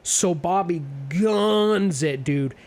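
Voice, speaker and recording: A young man hosting a podcast, telling a story to friends in a lively, profane way and acting out what people said. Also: high voice, drawn-out words. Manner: animated storyteller, swears a lot, acts out quotes. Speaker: podcast host. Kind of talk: casual storytelling among friends.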